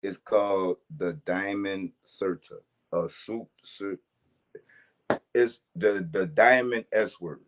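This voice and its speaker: A man's voice: sits low, fairly even intonation, slow. A man with a New Orleans accent hosting a podcast, joking and laughing often in casual chat. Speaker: podcast host.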